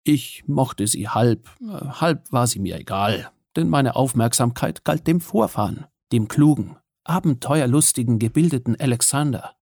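Gravelly man reading a wry story. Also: medium pitch, expressive, a little mellow, no room sound, clean studio sound. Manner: measured, wry storytelling with occasional hesitations. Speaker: audiobook narrator. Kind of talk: first-person story narration.

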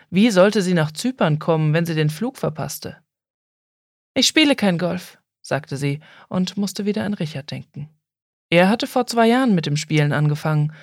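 Woman reading a novel aloud, calm and even, dry close studio sound. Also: sits low, moderate pace, no room sound. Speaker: audiobook narrator. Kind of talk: scripted narration.

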